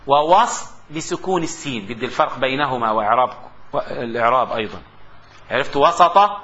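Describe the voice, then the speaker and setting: A man's voice: fairly high pitch, pushed and bright. A middle-aged man, giving a classroom grammar lecture, repeating terms for dictation and joking with his students. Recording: muffled lecture recording with faint hiss.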